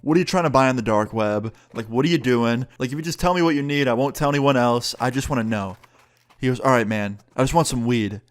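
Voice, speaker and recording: A man's voice: medium pitch, quick pace. A young man casually telling a personal story, chatty and swearing freely as he acts out both sides of the conversation.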